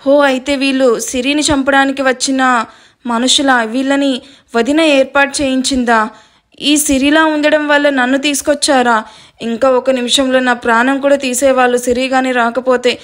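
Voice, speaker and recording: A woman's voice: high-pitched, level tone, normal speed, close to an everyday voice. A woman voicing a brave young woman who speaks firmly and scornfully.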